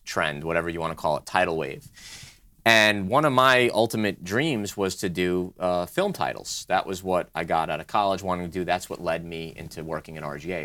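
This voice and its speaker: Deep-voiced man telling his story in an interview. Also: a bit bright. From Brooklyn, New York. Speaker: interview guest, design studio co-founder.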